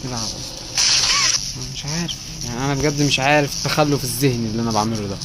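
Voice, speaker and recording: A young man with an Egyptian accent joking and swearing through a horror game, shouting when scared. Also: medium pitch, steady tone, rapid-fire, heavy background noise. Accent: Egyptian Arabic. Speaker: gaming YouTuber. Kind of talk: let's play commentary. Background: loud game music.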